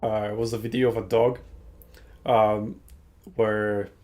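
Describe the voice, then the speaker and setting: A man's voice: on the low side, level tone, slow pace, darkish tone. A man casting a strategy game tournament in a chatty, joking way, rambling with fillers. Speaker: tournament caster. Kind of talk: casual esports commentary.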